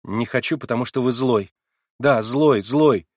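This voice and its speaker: A man reading aloud and voicing a distraught, defiant young orphan girl who shouts and sobs. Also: a little fast, dry recording, clean studio sound, close to an everyday voice. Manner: shrill, sobbing, shouting outbursts.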